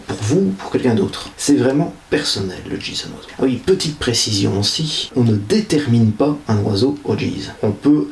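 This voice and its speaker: A man hosts a humorous educational nature vlog, explaining things with playful asides. His voice sits in a mid register and bounces around an echoey indoor room. A faint hum of room noise lingers under it. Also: mid-range voice. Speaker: nature video host.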